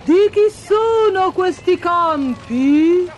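A woman voicing a curious, easily impressed male king in a storybook reading, drawing out his words slowly. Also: very high voice, animated, dull audio, pitched above the performer's own voice, heavily acted. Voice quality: slow, drawn-out.

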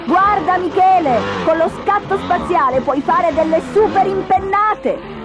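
Plucky kid space racer for a storybook, played by a woman, high-pitched and pushy. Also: brisk, muffled recording, over music. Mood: excited. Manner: bossy, excited, eager.

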